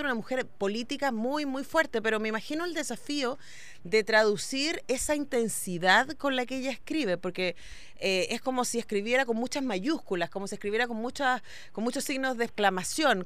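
A woman hosts a radio interview and asks long, thoughtful questions. Her voice is bright and crisp, with a smooth, clear tone. It is recorded close and dry in a studio. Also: a little high, dry recording. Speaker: radio host.

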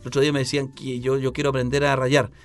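A man's voice: mid-range voice, level tone, racing. A man with a Chilean Spanish accent hosting a casual radio chat, playful and given to repeating his phrases. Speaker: radio host.

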